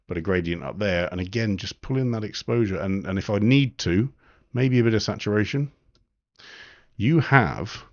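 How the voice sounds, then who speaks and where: A man giving a live-streamed photo editing tutorial, relaxed and thinking aloud with frequent ums. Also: sits low, lo-fi sound.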